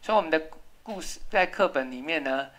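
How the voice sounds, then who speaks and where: Patient, very low-voiced woman teacher. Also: animated, a bit bright. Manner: patient, drills spelling and pronunciation slowly. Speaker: English teacher. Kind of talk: classroom English lesson. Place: classroom.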